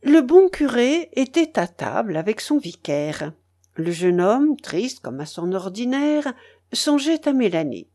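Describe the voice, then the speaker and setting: Woman, audiobook narration, classic novel, dramatic, expressive, slow. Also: on the high side. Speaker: reader.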